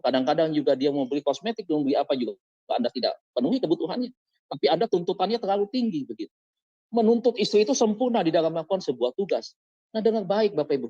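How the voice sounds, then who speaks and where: A man's voice: a little high, dark tone, no echo, muffled recording. A man preaching as pastor in an online service, exhorting his listeners and firing questions at them. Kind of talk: sermon over an online service. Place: online service on a video call.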